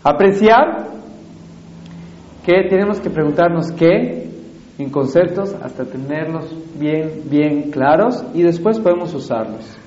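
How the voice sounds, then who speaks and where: A man with a rather high voice gives a classroom lecture. He walks through each point step by step and keeps asking whether everyone follows. The recording is roomy and slightly dull. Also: expressive, slow pace, a little mellow, a little hiss or hum. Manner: explains step by step and checks in with frequent questions to listeners. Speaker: teacher.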